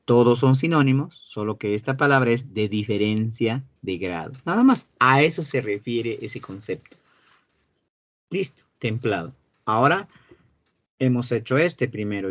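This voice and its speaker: A man with a Peruvian Spanish accent teaching a classroom lesson. He repeats key words slowly and quizzes his students. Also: medium pitch, no echo. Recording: dull, dry sound.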